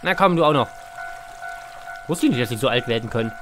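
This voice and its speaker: A man's voice: mid-range voice, lively intonation, quick pace. A man hosting a let's play, casually commenting on the game, reading its text aloud and joking as he goes. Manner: playful, reads game text aloud and jokes. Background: faint game music.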